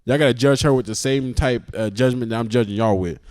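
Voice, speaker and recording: A man in his thirties co-hosts a podcast, chatting casually and telling animated stories with lots of laughter. He speaks fast at medium pitch, with no echo.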